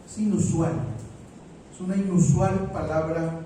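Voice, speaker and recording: A man preaching a sermon as pastor, slow and deliberate, repeating his phrases. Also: on the high side, steady tone, warm tone, heavy reverb, recorded from a distance, slight background noise, rough recording.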